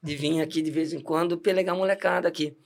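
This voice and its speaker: A middle-aged deacon tells his story in a casual, chatty way. His voice sits high for a man, and he laughs often and restarts his sentences. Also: steady tone, fast talker, creaky. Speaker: deacon giving testimony. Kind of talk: casual testimony chat.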